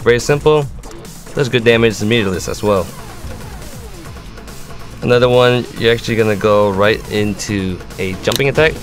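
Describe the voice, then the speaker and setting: Speaking at a normal speed with long pauses, a lowish-voiced man coaches listeners through fighting game moves in steps, in the manner of a competitive gamer. Music runs underneath his voice.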